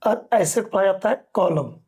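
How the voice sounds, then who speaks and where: A man teaching a maths class, slowly dictating problems and patiently explaining solutions to students. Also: high voice, lively intonation, a little mellow, husky. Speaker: mathematics teacher. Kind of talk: classroom lecture.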